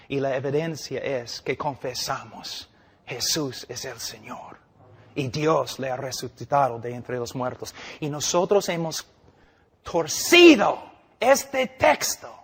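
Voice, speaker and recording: A middle-aged man preaching a sermon with passion, swinging between loud declarations and hushed emphasis, full of rhetorical questions. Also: a little high. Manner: rhetorical questions and vivid storytelling. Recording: long reverb of a large hall.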